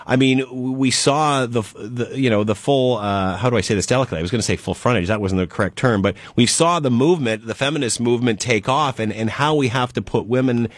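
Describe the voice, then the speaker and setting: A man's voice: medium pitch, fast, hardly any pauses, no echo. A man in his forties hosting a radio interview, talking conversationally and searching for words. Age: 40s. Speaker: radio host.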